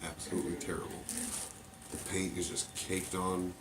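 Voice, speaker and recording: Heavy background noise and loud movie music surround a man with a low, level voice who is reviewing a mask he collects. He has a cold and sounds stuffed up, chatting through a mask at a moderate pace. His manner is offhand and rambling, with many fillers.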